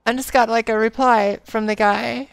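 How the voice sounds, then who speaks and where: A woman's voice: a little high, steady tone, normal speed, gravelly, smooth, no room sound. A woman streaming a video game, chatting casually, laughing often and swearing freely. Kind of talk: casual gameplay commentary.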